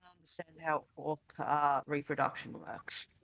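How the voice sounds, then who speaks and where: A man's voice: on the high side, flat delivery, normal speed, vocal fry, sharp tone, muffled recording. A man playing a tabletop game, talking in a hesitant, playful way. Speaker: player. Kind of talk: casual chat during a tabletop game.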